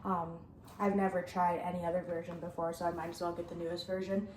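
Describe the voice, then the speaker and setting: A woman's voice: fairly low pitch, flat delivery, fast, a little mellow, reverberant, slight background noise, poor audio. A young woman from the Upper Midwest chatting casually in a vlog, rambling and upbeat, chewing gum as she talks. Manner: chewing gum while talking. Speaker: running vlogger.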